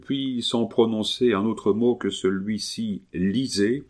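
A man narrating a classic novel as an audiobook, in a measured, expressive storytelling manner. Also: on the low side.

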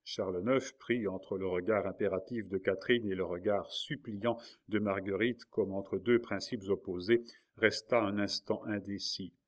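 A man narrating a historical novel in a measured, dramatic reading. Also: lowish voice, steady tone. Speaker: audiobook reader.

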